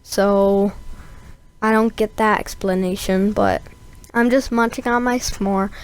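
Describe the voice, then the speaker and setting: A woman's voice: medium pitch, steady tone, slow pace, smooth. A young woman giving a casual, rambling voice-over of her gameplay, full of fillers and asides. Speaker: gameplay narrator.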